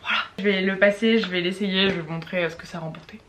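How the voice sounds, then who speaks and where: A teenage girl from France chatting casually in a vlog, tired and unwell, with quick asides and exasperated complaints. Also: mid-range voice, steady tone, fairly bright tone, slight background noise. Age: teens. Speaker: vlogger.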